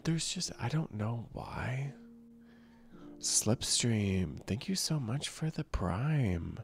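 A young man who streams games, chatting softly and slowly with viewers in a soft-spoken ASMR style into a close mic. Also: medium pitch, lively intonation, creaky. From northern region. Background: soft relaxing music.

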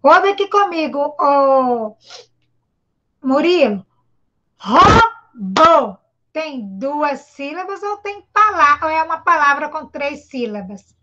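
A Brazilian woman with a high, bright voice gives a patient reading lesson to a young child. She encourages him gently and sounds out each syllable slowly. The sound is dull and lo-fi, as on a video call. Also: expressive. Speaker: primary school teacher. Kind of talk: online literacy lesson for a child.

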